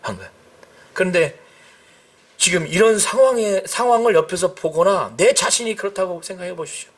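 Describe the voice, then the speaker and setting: A man's voice: sits high, a little fast. A man, a pastor, preaching an emphatic sermon and acting out the people he quotes. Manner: emphatic, rising to shouts at climaxes; acts out quoted cries and speech.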